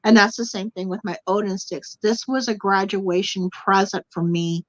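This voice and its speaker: Speaking at a moderate pace, a guest in a relaxed spiritual conversation addresses the audience head-on, her medium voice staying fairly level while she animatedly repeats words to stress them. The sound is dry and muffled, lo-fi, without any room ambience.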